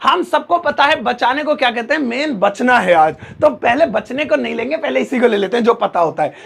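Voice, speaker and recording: A man teaching English in a casual, playful way, drawing out his example phrases slowly. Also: extremely high pitch, lively intonation, vocal fry, fairly bright tone, slightly rough. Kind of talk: casual spoken lesson.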